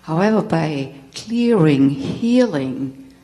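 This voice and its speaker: Low-pitched and mellow, her voice is animated yet slow. She is a middle-aged German-accented tantra teacher telling a live audience about her life candidly, laughing often, in a spiritual center hall with long reverb.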